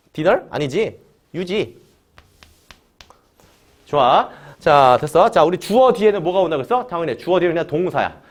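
A man teaching an English grammar lesson in Korean, opening nearly every phrase with "자" and drilling students with quick questions they answer back. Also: on the high side. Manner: drills students, has them repeat after him.

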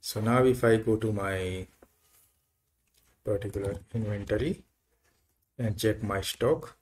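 A man giving an unhurried screen-recorded software walkthrough, thinking aloud with frequent fillers. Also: fairly low pitch, fairly even intonation, a little hiss or hum. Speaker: software tutorial presenter.

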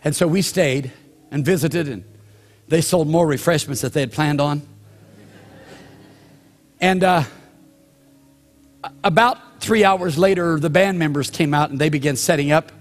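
An older male pastor tells a story from the pulpit, pausing often and slowing down to land each point. His voice sits a little high for a man. The sound carries the long, lingering reverb of a church sanctuary. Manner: storytelling, drawn-out pauses, slows down for emphasis. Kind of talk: sermon.

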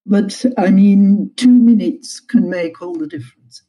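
An older woman from Yorkshire, England, recalling her cooking days as a guest in an interview, in a slow, measured way. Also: medium pitch, mellow, low-quality recording. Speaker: guest, cookbook author. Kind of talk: interview over a call.

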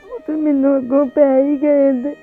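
An actress playing a tearful young daughter-in-law who hides her hurt, speaking quietly and hesitantly. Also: sits high, level tone, normal speed, narrow, tinny audio, faint music behind. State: crying. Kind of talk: family drama acting.

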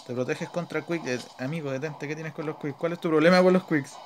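Over mobile game battle music, a gamer and video creator with a Chilean Spanish accent mutters to himself, giving casual, slangy live commentary as he plays. His voice sits on the high side and moves briskly, with a little hiss or hum in the recording.

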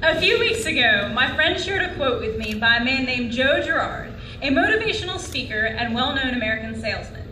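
Speaking quickly with few pauses, a young adult graduation speaker addresses the audience from a lectern, her high voice full of lively intonation as she asks them questions. There's background noise, and the echoey hall sounds far off from the lectern microphone.

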